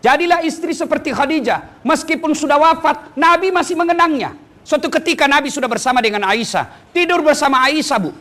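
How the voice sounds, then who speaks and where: Male preacher, middle-aged, high-pitched, comic sermon with acted-out asides and loud punchlines. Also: fairly quick. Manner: playful, mimics wives and husbands, swings between loud punchlines and low asides. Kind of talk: humorous sermon to women's study group.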